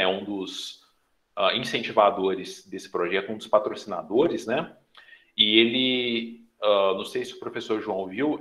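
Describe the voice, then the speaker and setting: A man's voice: fairly low pitch, a bit bright, reverberant. A young man with a Brazilian Portuguese accent, giving a lecture on a video call with earbuds, explaining and often adding tag questions. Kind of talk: online lecture to students.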